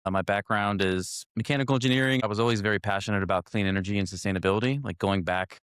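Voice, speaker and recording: A man with a smooth, resonant low voice gives matter-of-fact answers as a panel guest. The sound is dry and close. He speaks plainly and to the point. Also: steady tone, quick pace, fairly bright tone, no room sound. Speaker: guest, charging installer engineer. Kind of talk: panel discussion.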